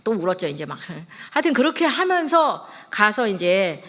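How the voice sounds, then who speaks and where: A middle-aged woman, a pastor's wife, preaching a sermon through a lively personal story and acting out the voices she quotes. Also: mid-range voice, moderate pace. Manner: lively, acts out quoted voices, laughs often.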